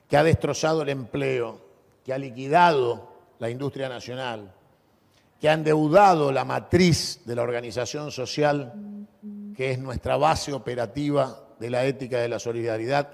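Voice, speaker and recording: Male Argentine political orator: booming balcony delivery, rousing and declamatory, creaky grain, big reverberant venue. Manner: booming balcony speech, declamatory with dramatic pauses and repetition. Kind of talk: rousing political rally speech. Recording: long echoing reverb of a large venue.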